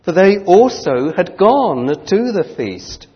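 A man preaching a sermon into a pulpit microphone, earnest and deliberate, reading scripture and growing fervent. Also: high-pitched, sing-song. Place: church sanctuary. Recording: dull church recording with long hall reverb.

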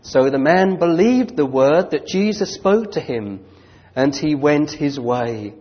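A man preaching a sermon into a pulpit microphone, earnest and deliberate, reading scripture and growing fervent. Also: on the high side, expressive. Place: church sanctuary. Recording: dull church recording with long hall reverb.

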